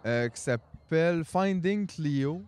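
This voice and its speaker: Speaking Québécois French, this podcast co-host from Quebec, Canada, a man in his forties, rambles earnestly through a long story during a casual chat. His voice is slightly high yet darkish, clear and resonant, and he delivers it slowly and expressively.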